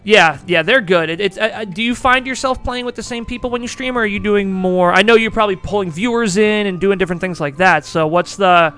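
Bright-voiced young man hosting a podcast. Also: sits high, brisk, hardly any pauses, smooth, soft background music. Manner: rambling, laughs often, swears casually. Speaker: podcast host. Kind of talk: casual chat.

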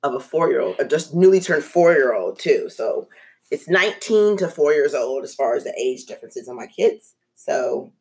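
A woman's voice: sits low, animated, normal speed, darkish tone. A woman in her forties from California, a nervous, laughing podcast guest. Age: 40s. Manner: nervous, laughing, self-deprecating. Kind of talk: casual interview.

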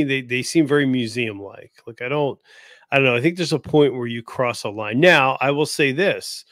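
A man's voice: mid-range voice, fairly bright tone, dry recording, studio quality. A man hosting a casual podcast chat, blunt and opinionated but often hedging with "I don't know.". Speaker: podcast host.

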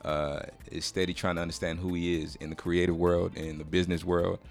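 A man with a very low voice talks about his life as a podcast guest, unhurried and reflective. He is from Cameroon and fills his talk with friendly asides. Faint music sits under the conversation. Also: level tone, gravelly. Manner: laid-back, reflective, frequent "you know what I'm saying". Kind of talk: casual chat.

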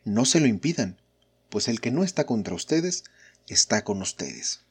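A man reading the words of Jesus aloud in a measured, solemn scripture reading. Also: medium pitch, sing-song, breathy edge, exaggerated voice. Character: Jesus, a calm, authoritative adult male teacher. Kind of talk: scripture reading of spoken lines.

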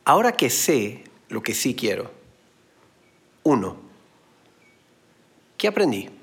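A man's voice: mid-range voice, sing-song, takes it slowly, slightly rough. A man giving a motivational talk, explaining with everyday analogies and blunt slang. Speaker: motivational speaker.

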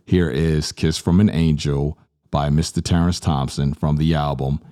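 A man's voice: rumbling low, fairly even intonation, a little slow, mellow. A man from Virginia hosting a podcast, talking casually and earnestly about his album with plenty of filler sounds. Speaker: podcast host and music producer.

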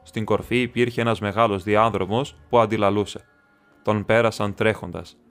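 Low-voiced male audiobook narrator. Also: clear, resonant tone, faint music behind. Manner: measured, steady storytelling. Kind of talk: scripted narration.

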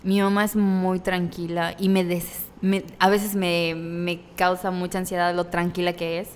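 A woman's voice: lowish voice, a little slow, clean tone. Young woman in a reverberant room. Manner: relaxed storyteller, quotes her own reactions. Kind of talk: casual chat. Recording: long reverb.

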